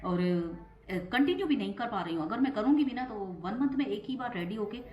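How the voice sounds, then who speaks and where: A middle-aged woman chatting in a casual home vlog; she talks fast, trips over her words and laughs often. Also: on the high side, expressive, roomy sound, muffled recording. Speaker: vlogger.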